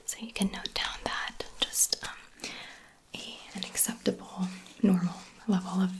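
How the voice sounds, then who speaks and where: A woman doing a whispered role-play as a medical examiner, gently giving step-by-step instructions and reassurance in an ASMR style. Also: fairly low pitch, fairly even intonation, measured pace, poor audio.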